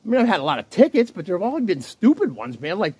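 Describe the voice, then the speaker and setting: A man in his fifties vlogging from his bicycle in the rain, talking into his phone in an earnest, rough-spoken ramble full of restarts. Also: high voice, wildly swooping pitch, quick pace, a little mellow, no room sound. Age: 50s. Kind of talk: rambling religious talk to camera. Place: outdoors, riding a bicycle in the rain. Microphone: phone held while riding. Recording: wind noise and rain hitting the phone mic.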